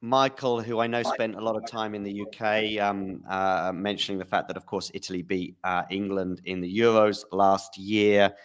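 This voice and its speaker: A man's voice: on the low side, normal speed, few pauses, clear, resonant tone. A man hosting a live tennis commentary podcast, chatting casually with fillers. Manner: chatty, relaxed, frequent fillers.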